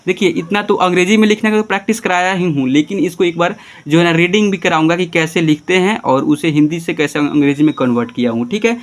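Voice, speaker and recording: Male tutor, high pitched, patient step-by-step teaching manner. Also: fast talker. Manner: spells names out letter by letter, patient; keeps prompting "ठीक है, देखिए". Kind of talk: classroom-style tutorial.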